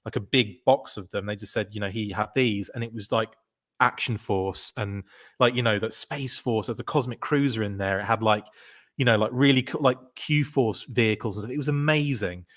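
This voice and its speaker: A man's voice: on the low side, normal speed, a bit bright. Rambling man, podcast guest. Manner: rambling, full of fillers and restarts. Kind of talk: casual chat.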